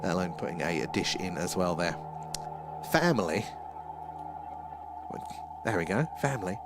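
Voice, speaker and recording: Music plays behind a man with an Essex accent who speaks at a normal pace in a low, lively voice. Hosting a casual livestream from a small room at home, he rambles, pokes fun at himself, and responds to viewers' comments.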